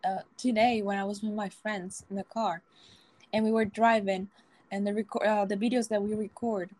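A woman's voice: medium pitch, level tone, normal speed, darkish tone. A woman co-hosting a casual podcast chat, reacting in a bubbly, effusive way. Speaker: podcast co-host.

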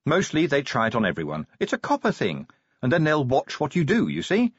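A man voicing a tense werewolf sergeant, a young woman who talks in blunt, brisk, exasperated bursts. Her voice sits raised and husky, recorded dry and slightly dull. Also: a little high, huge pitch swings, dry recording, voice pushed up, heavily acted. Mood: brusque.

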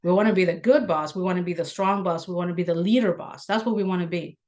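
A woman who owns an auto repair shop, answering interview questions in an earnest, candid way and getting animated when she retells workplace scenes. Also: on the low side, fast talker. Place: Seattle.

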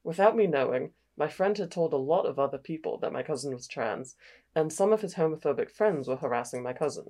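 A low, deep-set voice of a woman playing a young man telling his own story. The accent is put on for comedy, loosely Australian and sliding toward northern English. It is read aloud like a confession post. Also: animated, brisk, dark tone. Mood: earnest retelling. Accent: put-on, loosely Australian drifting northern English.

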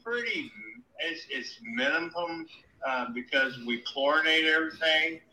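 A man's voice: on the high side, a little slow, pushed and bright, slight background noise. Man, heard over phone speaker, echoey roomy sound, plain matter-of-fact explaining. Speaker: caller, water treatment plant worker.

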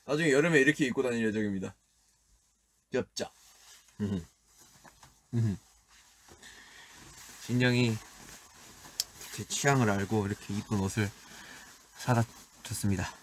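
Brief: a laid-back man hosting a birthday live stream, quiet and soft-spoken, answering comments between easy laughs. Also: lowish voice, moderate pace, pauses often, a little hiss or hum.

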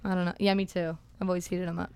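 A woman's voice: on the low side, flat delivery, very fast, gravelly, dark tone, smooth. A teenage girl with a Midwestern American accent, co-hosting a casual podcast chat and laughing often between lines. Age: teens. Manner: giggly, chatty. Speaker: podcast co-host.

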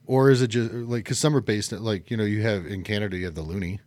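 A man's voice: on the low side, steady tone, fast talker, darkish tone, dry recording. A man co-hosting a casual podcast chat, rambling and correcting himself as he goes. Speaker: podcast co-host.

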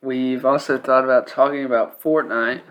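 A man's voice: medium pitch, fairly even intonation, moderate pace, a bit bright. Playful young man co-hosting a podcast. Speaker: podcast co-host. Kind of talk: casual podcast chat. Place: in an attic. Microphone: microphone.

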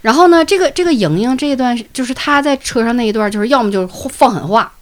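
A woman with a Northeastern Mandarin accent telling a ghost story on a podcast. She is earthy and animated, swears freely, and acts out voices and sound effects. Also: a little high, fast talker. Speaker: podcast co-host.

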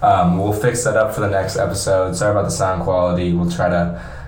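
A man co-hosting a casual chat, relaxed and heavy on filler words, recorded in an echoey bathroom-like small room. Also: sits low, fairly quick, slight background noise. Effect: echoey bathroom-like room sound. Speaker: co-host.

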